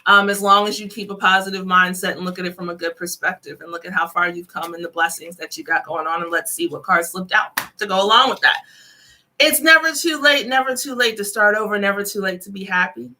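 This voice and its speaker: A woman's voice: mid-range voice, fairly quick, pushed and bright. A woman giving a casual live tarot reading, chatty and giggly, calling her viewers "honey loves.". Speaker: tarot reader.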